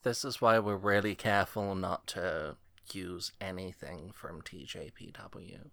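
A man co-hosting a casual podcast, telling wry stories in a dry, deliberate way. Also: low-pitched, fairly even intonation, vocal fry, bright, forceful tone, dry recording. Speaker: podcast co-host. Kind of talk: casual chat over a watch-along.

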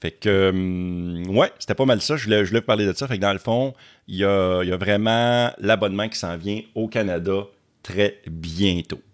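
A man's voice: deep voice, normal speed. A man from Quebec with a Québécois accent, hosting casually and stammering as he repeats words. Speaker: YouTube host. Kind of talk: casual chat.

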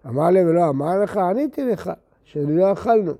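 A man's voice: high-pitched, animated, warm tone. An older rabbi who teaches Talmud. He chants the Aramaic text and then explains it in plain Hebrew.

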